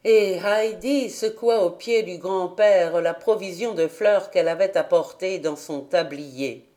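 A woman reading a children's classic aloud as an audiobook narrator in a slow, measured way. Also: lowish voice, dark tone. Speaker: audiobook reader. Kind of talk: storybook narration.

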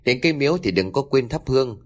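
A man's voice: mid-range voice, animated, quick pace, voice pushed up, close to an everyday voice. A man voicing a frightened, superstitious male truck driver warning his nephew. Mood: cautioning. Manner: anxious, trembling.

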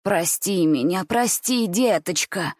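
A woman voicing a scheming old grandmother who talks slowly with false, soothing care. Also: on the low side, expressive, a little mellow, dry recording, studio quality. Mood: false sorrow. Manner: slow, soothing, falsely caring.

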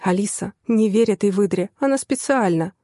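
A woman's voice: fairly high pitch, normal speed, dark tone, no echo, clean studio sound, lightly acted. A woman voicing a blunt, mocking young woman, the narrator's sister, with a wry, outspoken manner, in an audiobook reading.

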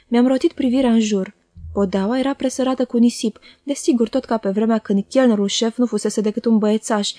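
A woman narrating a novel as an audiobook reader, in a measured, even reading. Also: fairly high pitch, dry recording, studio quality. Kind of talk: scripted narration.

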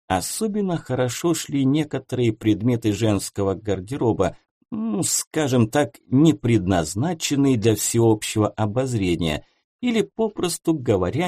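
A man's voice: mid-range voice, warm tone, dry recording, studio quality. A man narrating an audiobook in a wry storytelling manner. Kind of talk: scripted narration.

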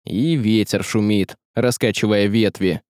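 A man narrating a fantasy story in measured, dramatic storytelling. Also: lowish voice, darkish tone, dry recording, studio quality. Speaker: audiobook narrator. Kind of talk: scripted narration.

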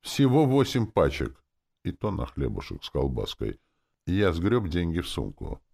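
A man's voice: low voice, huge pitch swings, a little slow, vocal fry, darkish tone. A man narrating a story in the first person in a wry, sardonic way. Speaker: audiobook narrator.

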